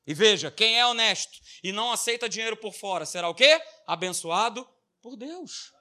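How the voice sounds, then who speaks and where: A man's voice: high-pitched, lively intonation, moderate pace, bright, forceful tone. A man, a pastor preaching a sermon with passion and talking directly to his congregation. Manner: impassioned, addresses the congregation as "dear ones".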